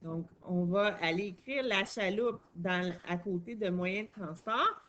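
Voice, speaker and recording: A woman's voice: mid-range voice, a little slow, fairly bright tone, highs cut off. A woman teacher with a Quebec French accent, patiently explaining a reading and writing lesson step by step to a young child.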